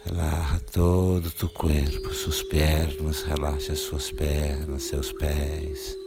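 A man leading a guided meditation in soothing, gentle, repeated instructions, pausing between short phrases. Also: extremely low pitch, flat delivery, gravelly. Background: music with singing bowl tones.

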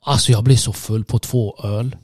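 A man's voice: fairly low pitch, husky, no echo, studio quality. Young man telling a rowdy story. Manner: animated storyteller, crude slang, laughs often. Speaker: podcast co-host. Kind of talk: casual chat.

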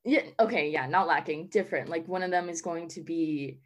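There's slight background noise as a young woman from the American South answers interview questions, chatty and casual, peppering her speech with "like" and "um." Her voice is on the low side, and she talks fairly quickly.

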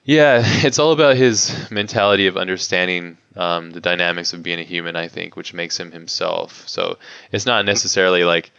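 A man in his thirties hosts a podcast interview in a casual, chatty style, rambling with lots of restarts and laughter. His low, creaky voice is fairly quick and fairly bright, with a clean tone, no room sound and lo-fi audio.

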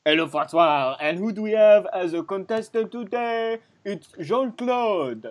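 A man playing a cheerful French game show host, halting and full of hesitations. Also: sits high, expressive. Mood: mock-formal.

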